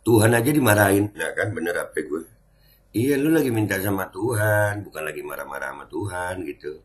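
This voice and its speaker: Deep-voiced man, mocking commentary. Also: lively intonation, a little fast. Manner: mocking, chatty banter with the audience. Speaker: host. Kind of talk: casual reaction commentary.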